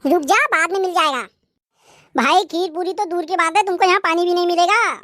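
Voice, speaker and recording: Fields: Figure: a woman doing a whiny young brother-in-law. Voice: high, dry. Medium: cartoon. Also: a little fast, pushed and bright, no room sound. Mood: pestering. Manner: whining, pestering.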